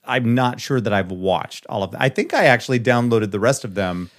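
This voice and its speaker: A man's voice: medium pitch, brisk. A man hosting a casual chat, quizzing his friend on movie clips with easy jokes. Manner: jokey, runs a quiz game. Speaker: podcast host.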